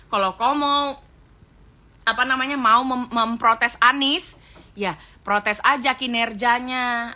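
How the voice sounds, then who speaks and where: Woman live streamer, forceful, outspoken, bright sharp voice, fairly high pitch. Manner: forceful, outspoken, swings between loud ranting and quiet comment reading. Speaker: live streamer reading viewer comments. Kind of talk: casual live-stream chat.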